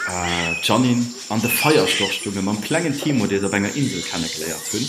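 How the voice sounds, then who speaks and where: A man narrating a scripted story in an animated storytelling style. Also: on the low side, fairly quick, roomy sound, heavy background noise.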